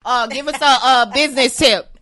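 A woman's voice: sits high, normal speed, pushed and bright. A woman hosting a podcast, chatting casually, brash and teasing with lots of swearing. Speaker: podcast host.

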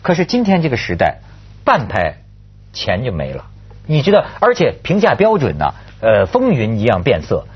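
A husky man hosts a casual panel chat with very animated intonation. He rambles and circles back on his phrases, prodding with rhetorical questions. The recording is a little dull. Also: medium pitch, normal speed. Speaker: talk show host.

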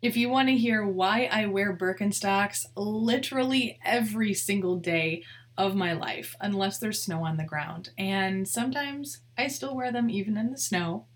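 A woman's voice: medium pitch, normal speed. A young adult woman hosting her own podcast as a wedding photographer, talking straight to her listeners in a heartfelt, earnest way. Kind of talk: solo podcast monologue.

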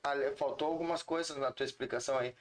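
A man's voice: mid-range voice, steady tone, fast. A man chatting casually as a podcast co-host. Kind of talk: casual chat.

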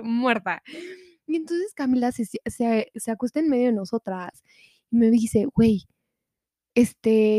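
A young woman with a Mexican Spanish accent telling a scary story to a friend on a podcast, slangy and animated, acting out what everyone said. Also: on the high side, dry recording, clean studio sound. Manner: animated, slangy, acts out quotes. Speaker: podcast co-host. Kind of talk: casual storytelling chat.

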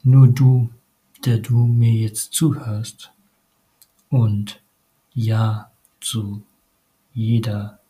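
A man delivers a meditative spiritual monologue at a very slow, unhurried pace, speaking straight to the listener. His low voice stays dark and mellow, moving in halting, short phrases broken by hesitations. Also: rough recording.

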